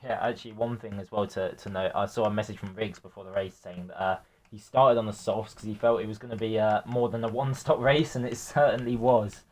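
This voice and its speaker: Man, co-commentator, low pitch, hesitant, casual race chat. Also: steady tone. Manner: halting, full of ums and restarts.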